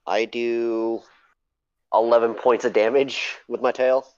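A man's voice: mid-range voice, level tone, takes it slowly. A man playing a tabletop game, joking and playful. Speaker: player. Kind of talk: casual tabletop role-play. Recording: dry, muffled lo-fi mic.

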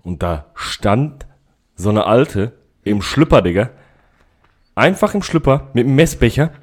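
A man co-hosting a podcast, telling stories in a slangy, animated casual chat. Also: mid-range voice, measured pace. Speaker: podcast co-host.

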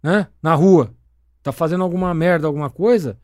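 A middle-aged man with a Brazilian accent tells stories in a casual interview, animated and swearing freely. His voice sits a little high, recorded dry and close. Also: a little fast, no echo. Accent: Brazilian Portuguese. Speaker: former footballer turned sports broadcaster.

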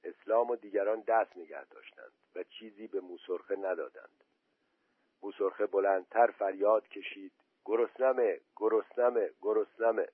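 A man reading a story aloud as audiobook narration, in a steady storytelling manner. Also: deep voice, breathy edge, no room sound. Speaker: reader. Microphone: voice message recording. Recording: dry, tinny phone-quality audio.

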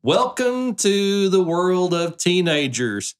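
A man's voice: high voice, sing-song, slow pace, clean tone. A middle-aged man hosting a casual podcast with his son, talking in a folksy, joking way. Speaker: podcast host, dad.

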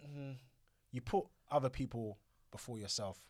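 A man's voice: mid-range voice, normal speed, no echo, studio quality. A man, co-hosting a casual podcast chat with his wife, laid-back, teasing and swearing freely. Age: 30s. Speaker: podcast co-host. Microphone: handheld mic held close.

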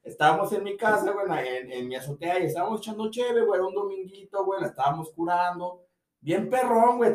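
A man's voice: sits high, darkish tone, recorded from a distance. A man with a Mexican accent telling a party story in a loose, slangy podcast chat, full of fillers. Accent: Mexican Spanish. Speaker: podcast co-host. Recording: echoey room, voice a bit off-mic.

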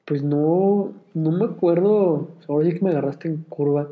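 A man with a Mexican Spanish accent co-hosting a casual podcast, mostly giving short slangy agreements in a relaxed way. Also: on the high side, moderate pace. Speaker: podcast co-host. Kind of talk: casual chat. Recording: dull lo-fi mic.

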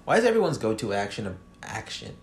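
A man's voice: fairly low pitch, big pitch swings, fast. Young man, podcast co-host, teasing, joking, casual chat, roomy sound. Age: 20s.

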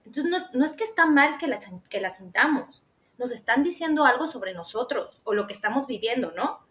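On a podcast she co-hosts, this woman chats casually in a Mexican Spanish accent, bringing her stories to life by acting out what she said. Her voice is on the high side and her pace is brisk.

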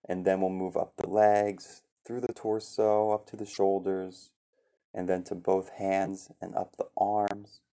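A man leading a meditation session in a calm, gentle teaching voice with some fillers. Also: deep voice, vocal fry. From USA. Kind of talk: calm guided meditation talk.

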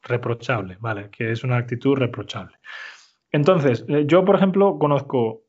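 A man from Málaga, teaching a slow, patient lesson, repeating answers and explaining words clearly. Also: mid-range voice, darkish tone, highs cut off. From Málaga, Spain. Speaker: Spanish teacher.

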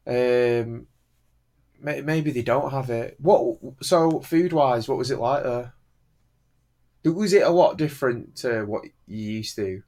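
A man's voice: medium pitch, slow, darkish tone. A man with a northern English accent hosting a casual podcast, joking, swearing and asking follow-up questions. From northern England. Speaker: podcast host.

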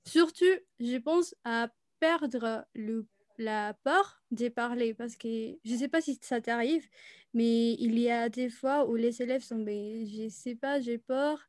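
A woman's voice: on the high side, takes it slowly, darkish tone, no room sound. Chatty woman teacher, dry close sound. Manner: chatty, lots of fillers. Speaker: French teacher. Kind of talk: casual conversation.

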